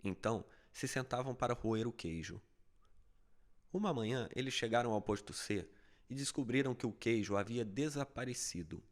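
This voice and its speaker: A man reads a fable aloud as an audiobook narrator. His voice sits at a middle pitch, and his delivery is steady and even, with scripted storytelling. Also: moderate pace.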